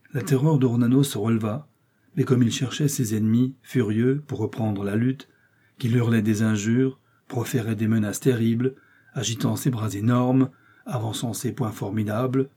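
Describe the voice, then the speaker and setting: A man reading a novel aloud in steady, measured audiobook narration. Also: mid-range voice, husky. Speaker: audiobook reader.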